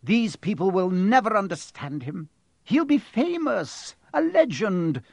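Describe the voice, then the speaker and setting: A man's voice: fairly high pitch, lively intonation, slow pace, no room sound. A man voicing a stern, agitated older woman professor in an audiobook, emphatic and indignant. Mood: disbelieving, insistent. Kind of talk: audiobook character voice.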